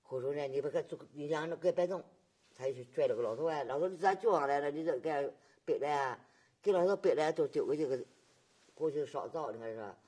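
A woman, recounting her memories in halting, repetitive testimony and often asking her listener whether they follow. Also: sits low, mellow, slightly rough. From Nanjing, China. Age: 80s. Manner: halting, repetitive storytelling with frequent tag questions. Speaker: survivor giving testimony. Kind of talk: oral history testimony.

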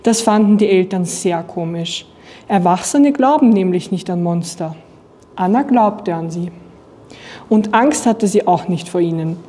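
A young woman from Austria reads a children's picture book aloud in a calm, even storytelling voice. Her tone is mellow and soft. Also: on the low side, measured pace. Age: young adult. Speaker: student reading aloud.

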